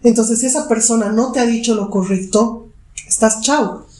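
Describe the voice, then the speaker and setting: A woman's voice: fairly high pitch, normal speed, warm tone, echoey room. A woman psychologist, answering interview questions and explaining with vivid examples. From Bolivia. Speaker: guest psychologist.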